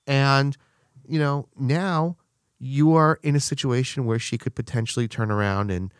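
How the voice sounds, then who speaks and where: Male speaker, mid-pitched, conversational business-advice monologue, dry close sound, slips into quoted dialogue. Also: a little slow, clean tone, dry recording.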